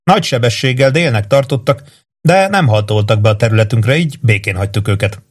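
A man playing a relaxed, courteous elf lord. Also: mid-range voice, slightly rough, close to an everyday voice. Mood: calm. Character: calm young elf lord, easygoing and friendly.

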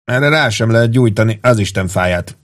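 A man voicing a laid-back, teasing male first sergeant with an easy, calm way of talking. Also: on the low side, close to an everyday voice.

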